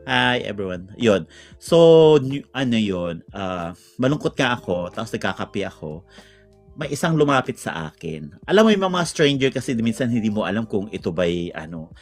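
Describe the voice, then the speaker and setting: A man's voice: fairly low pitch, big pitch swings, normal speed, soft background music. A man from the Philippines telling a long personal story in casual chat, rambling with many restarts. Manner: rambling, code-switching Tagalog and English, many restarts. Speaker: podcast guest telling a story.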